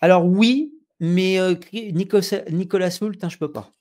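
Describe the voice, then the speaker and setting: Animated French man chatting about films. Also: sits high, normal speed. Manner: animated, many hesitations and restarts. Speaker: podcast host. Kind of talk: casual chat about films.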